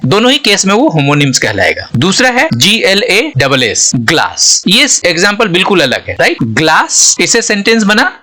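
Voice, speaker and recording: Lively, bright-voiced man teaching vocabulary. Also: high voice. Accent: Hindi. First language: Hindi. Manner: reads example sentences slowly, asks "right?" often. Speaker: English teacher. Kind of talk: explaining English vocabulary.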